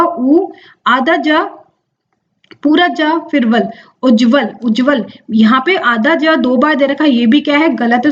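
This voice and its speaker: High-voiced woman tutoring through exam questions. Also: lo-fi sound. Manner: explains slowly, drawing out words and asking herself questions. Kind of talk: exam-prep lesson.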